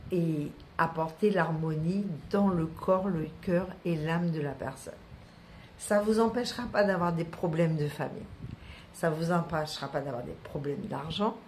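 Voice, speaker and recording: A woman's voice: low voice, darkish tone. A middle-aged woman from French Guiana, a wellness practitioner talking casually to viewers, rambling with many hesitations and repeated words. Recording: faint background noise.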